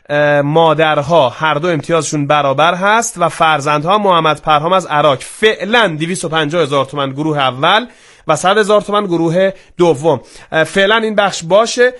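A man hosting a live broadcast quiz, talking briskly with a pace that swings from slow and careful to quick, with frequent drawn-out fillers. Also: a little high, fairly bright tone. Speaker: quiz show host.

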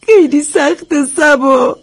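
Brief: woman voicing a desperate young mother in tears, pleading sobs, pitched very high. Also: close to an everyday voice. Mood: sobbing, pleading. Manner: pleading, sobbing. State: crying. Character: distraught young mother sobbing for her child.

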